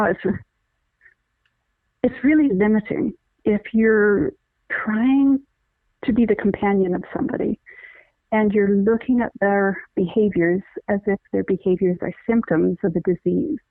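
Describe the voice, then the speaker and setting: Speaking at a medium pitch on a tinny phone line, a woman gives an earnest, deliberate explanation full of restarts. The exchange is a conversational interview, captured as a dry recording.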